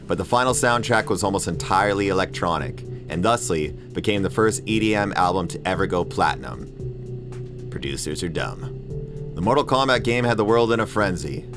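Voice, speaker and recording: This is a video essayist and channel host in his thirties, talking through a casual essay with plenty of attitude, slang, swearing and strong opinions. His low-pitched voice is expressive and paced normally, and music plays in the background.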